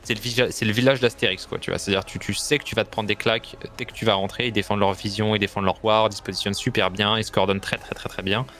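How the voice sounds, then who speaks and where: A man's voice: fairly low pitch, little pitch movement, rapid-fire, few pauses, fairly bright tone. A man giving casual esports analysis, explaining informally and repeating words for emphasis.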